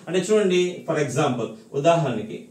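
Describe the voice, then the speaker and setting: A man's voice: fairly high pitch, expressive, measured pace, a little mellow. A male language teacher giving a recorded lesson, explaining patiently and repeating points, often checking that his students follow. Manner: patient, repetitive explaining with frequent check-ins. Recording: echoey room, mic at a distance.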